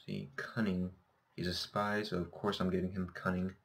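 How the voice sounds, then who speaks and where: Guy w low voice, bit scratchy from a sore throat, mumbling thru game commentary, thinking out loud. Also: level tone, gravelly. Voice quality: slightly scratchy, sore-throated voice from yelling the day before. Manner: thinking aloud, self-correcting, halting. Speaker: gameplay host. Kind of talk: casual gaming commentary.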